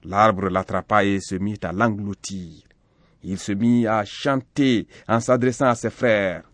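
A man narrating a folktale slowly and expressively. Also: fairly low pitch, no echo. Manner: slow, expressive. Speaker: storyteller.

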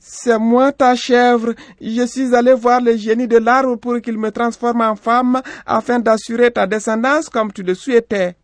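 A gentle goat who became a young woman pleads in a high voice, as a man puts her on. Her lines come slowly and earnestly. The sound is dry and close. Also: little pitch movement, no echo. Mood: pleading.

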